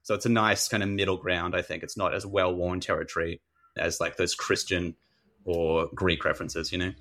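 A man's voice: sits low, little pitch movement, moderate pace, fairly bright tone. A man, talking casually and animatedly as an author guest in an interview, with many filler words.

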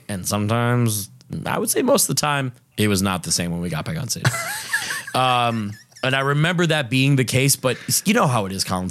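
A podcast co-host chats casually, telling loose, profane stories packed with fillers. His voice is medium-pitched and a bit bright, with slight background noise.

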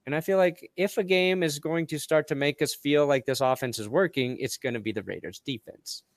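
A man's voice: fairly high pitch, a little fast, dry recording. Man casually breaking down a football game. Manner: relaxed, rambling with fillers. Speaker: podcast co-host. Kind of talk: casual post-game sports chat.

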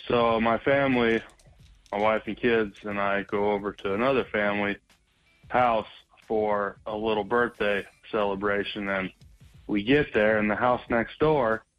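A man's voice: fairly low pitch, fairly even intonation, unhurried. Man telling a story in a phone voicemail. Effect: heard over a phone line as a played voicemail. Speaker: voicemail caller. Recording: tinny phone line, faint music.

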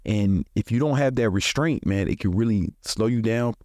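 This American podcast host, in his forties, has a darkish voice on the low side and talks at a normal pace. His casual motivational chat is colloquial and profane with frequent chuckles, in a dry studio-quality recording.

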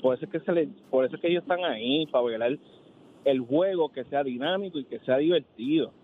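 A man's voice: medium pitch, fairly quick, slight background noise. A man calling in to a radio sports show, earnest, laying out his points one by one. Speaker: caller. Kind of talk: call-in comment on radio. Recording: tinny phone line.

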